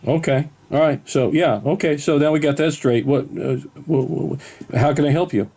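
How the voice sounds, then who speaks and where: A man's voice: on the high side, gravelly, mellow, breathy edge. A man baiting a phone scammer by acting confused, stammering and rambling as he asks the same question again and again. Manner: plays dumb, deliberately confused, rambling and stammering. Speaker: scam baiter posing as a retiree. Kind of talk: prank phone call.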